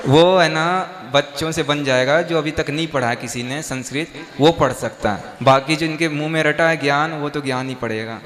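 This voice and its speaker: A man, a Jain monk, explaining a Sanskrit hymn and correcting how its words are said. His voice sits a little high and he talks in a brisk conversational way. The sound rings with a long hall reverb. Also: a bit bright. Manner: slow drawn-out chanting, then brisk conversational explanation. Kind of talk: chanting Sanskrit verse and explaining it.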